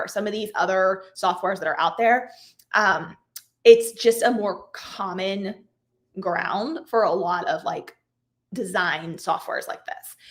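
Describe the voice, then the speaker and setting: A woman host talking viewers through a craft software update on a live stream. Her voice is wearing thin and a little hoarse, with throat clearing between points. She chats loosely, full of "like" and "um", and explains things step by step in a middle-pitched voice. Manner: chatty, filler-heavy, explains step by step. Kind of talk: casual live software tutorial.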